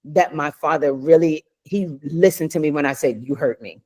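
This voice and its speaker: A woman's voice: sits low, moderate pace, mellow. A middle-aged woman co-hosting a casual chat, telling a personal story earnestly with many restarts and asides. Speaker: co-host.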